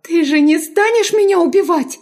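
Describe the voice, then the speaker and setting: A woman's voice: high-pitched, measured pace, voice pushed up. Woman voicing a sobbing, pleading young noblewoman. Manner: pleading, tearful and breathless. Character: terrified young noblewoman begging for her life.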